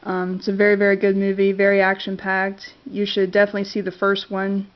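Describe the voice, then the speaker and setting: A woman with a cold talks fairly quickly to her camera about movies she loves, her medium pitch completely flat. Fillers and restarts pile up as she hesitates. The recording is dull, lo-fi camera audio.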